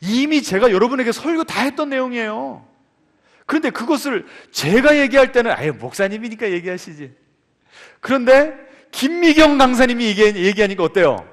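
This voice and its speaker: A man's voice: extremely high pitch, expressive, normal speed. A male pastor preaching a sermon, telling a story and putting questions to the congregation. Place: church sanctuary. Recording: long church reverb.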